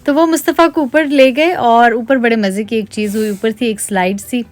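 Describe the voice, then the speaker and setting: A woman's voice: fairly high pitch, steady tone, normal speed. A young woman narrating a casual family vlog as a chatty, cheerful mother, switching between Hindi and English. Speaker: lifestyle vlogger and mother. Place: outdoor county fair.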